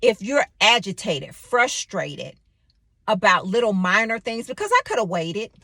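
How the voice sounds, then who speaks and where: A woman in her thirties giving an animated devotional talk, telling a personal story with sudden exclamations. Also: mid-range voice, a little slow, no echo. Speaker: faith vlogger.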